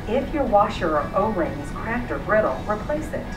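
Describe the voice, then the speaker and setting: A woman reading calm, scripted step-by-step repair instructions for an instructional video. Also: medium pitch, normal speed. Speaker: video narrator. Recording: echoey, distant, loud music underneath.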